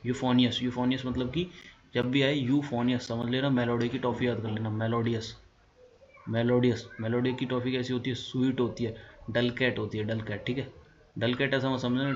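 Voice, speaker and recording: A man with an Indian accent teaching English vocabulary in a casual lesson. He repeats each word several times and spells words out letter by letter. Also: mid-range voice. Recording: dull lo-fi sound with clear background noise.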